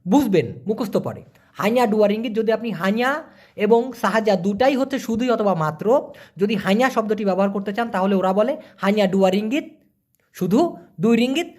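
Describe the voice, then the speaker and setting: A man teaching vocabulary, explaining patiently and repeating words slowly syllable by syllable. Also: high-pitched, a little mellow. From Bangladesh. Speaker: language teacher. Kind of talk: vocabulary lesson.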